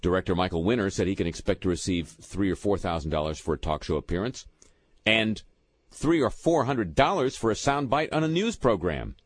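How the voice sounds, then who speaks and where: Sardonic low-voiced man reading news. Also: animated, a little fast, slightly rough, dry recording. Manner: sardonic, offhand asides; reads news items with quips and small restarts. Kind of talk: wry news commentary.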